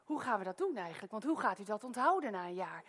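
A middle-aged woman from the Netherlands preaching a sermon in a church, telling stories with loud exclamations and wearing a microphone. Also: medium pitch, quick pace, slightly rough. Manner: lively storytelling, loud exclamations, soft-spoken prayer. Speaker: guest preacher.

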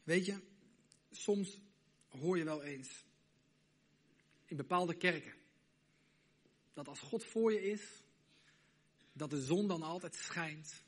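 A man preaching a sermon, moving between hushed, intimate questions to the listener and loud, emphatic declarations. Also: fairly high pitch, slow pace, long pauses.

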